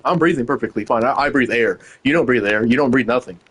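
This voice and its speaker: A man's voice: mid-range voice, quick pace, a bit bright, breathy edge. A young man streaming live, arguing with a chatbot in a casual, incredulous way, swearing a lot.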